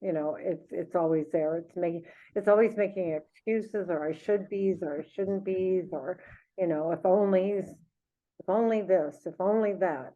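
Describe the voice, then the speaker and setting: A woman with a lowish voice, speaking at normal speed, chats casually and reflectively as a podcast co-host in unscripted conversation. The audio is thin and phone-like.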